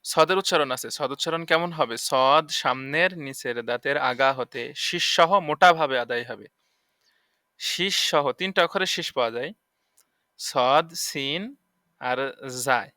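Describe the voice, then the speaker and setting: A man teaching Arabic letters for Quran reading in a recorded lesson, drilling syllables slowly and repeatedly. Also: medium pitch, bright, forceful tone, clean tone, no echo, clean studio sound. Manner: slow, repetitive drilling of syllables.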